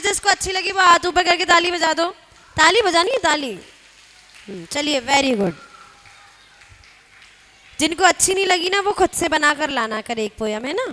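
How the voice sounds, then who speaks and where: A woman teacher in a classroom, leading children in a slow sing-song recitation and urging them to speak up. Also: extremely high pitch, sharp tone.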